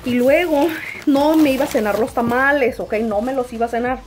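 A woman's voice: high voice, fairly quick, darkish tone, faint music behind. Chatty young woman vlogging on the go. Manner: chatty, mixes Spanish with English words. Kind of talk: casual vlog chat. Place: Tucson, Arizona.

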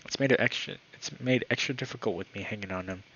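A man's voice: lowish voice, fast talker, fairly bright tone, dull audio, slight background noise. A man reading a visual novel aloud for his channel, narrating dramatically with the odd casual aside. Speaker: gaming YouTuber.

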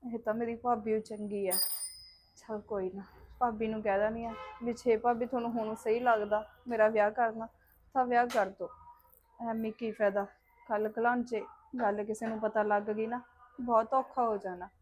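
An actress playing a pressured young village woman in a short film, gentle with family and shrill in a quarrel. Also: flat delivery, normal speed, lightly acted. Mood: brooding. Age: young adult. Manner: soft-spoken with family, shrill and shouting in a quarrel.

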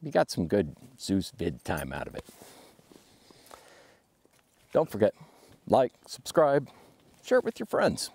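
A man's voice: fairly low pitch, huge pitch swings, slow pace, long pauses, a little mellow, husky, no room sound. A man in his thirties giving casual, laid-back camping tips outdoors at a wooded campsite. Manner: laid-back, chatty, talks to his dog. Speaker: overlanding vlogger. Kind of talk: casual how-to vlog.

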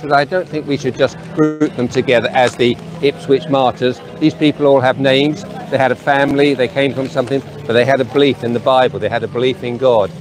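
An older man giving an earnest, solemn address to camera in an open town square, reading names from a sheet. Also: medium pitch. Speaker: street preacher. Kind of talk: outdoor video address. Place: sunny town square outdoors. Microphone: camera at a few metres.

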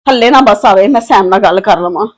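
A woman's voice: medium pitch, quick pace, natural voice. A woman playing a protective, fierce mother in a scripted family drama, firm and defiant while soothing her daughter. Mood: reassuring. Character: protective, fierce middle-aged Punjabi mother.

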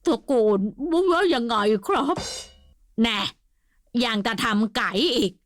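A bald, quick-tempered old general from a comic audiobook, as a woman narrator puts him on, voice dropped low and gruff. He accuses and scolds in a dry, close sound. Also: expressive, a bit bright, no room sound. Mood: accusing.

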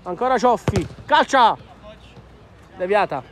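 Uomo, telecronaca calcistica lenta, voce acuta. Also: male voice, high voice, animated, slow, fairly bright tone, slight background noise. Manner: clipped short phrases naming players. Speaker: football match commentator. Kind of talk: live amateur football commentary. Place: outdoor floodlit football pitch at night.

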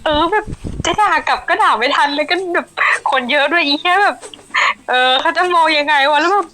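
Bright high-voiced young woman venting. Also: fairly quick, a little hiss or hum, low-quality recording. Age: young adult. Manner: animated venting, swears a lot. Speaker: student. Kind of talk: casual chat while gaming.

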